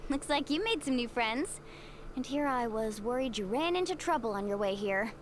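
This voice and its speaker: Woman voicing a bright, encouraging young woman. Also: on the high side, animated, moderate pace, a little hiss or hum, natural voice. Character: upbeat, reassuring young woman, big-sister type.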